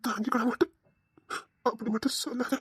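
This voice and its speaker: A woman's voice: a little high, moderate pace, breathy edge, dry recording, clean studio sound. A woman voicing a remorseful young husband who pleads with his wife, in a Tirunelveli Tamil accent, often whispering apologies. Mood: pleading.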